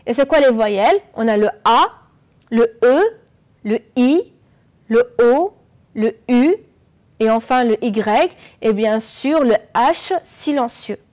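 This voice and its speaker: A woman teaching French on an educational channel, explaining slowly and clearly and asking the viewers questions. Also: fairly high pitch, animated, a little mellow. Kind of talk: televised classroom lesson.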